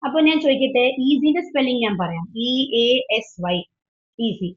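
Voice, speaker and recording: Speaking at a normal speed, a woman with a slightly high, lively voice teaches an online English grammar class. She is patient and asks many questions, frequently slipping into English while explaining. The audio is dull, lo-fi online call sound.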